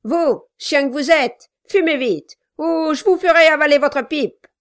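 A woman's voice: high voice, a little slow, voice pushed up. A woman reading an audiobook, voicing a malicious, cruel dwarf man who barks orders and taunts with mock sweetness. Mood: bullying.

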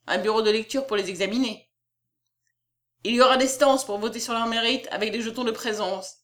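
A woman's voice: a little high, fairly bright tone, natural voice. A woman voicing a domineering, boastful middle-aged male publisher in an audiobook reading. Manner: boastful, condescending.

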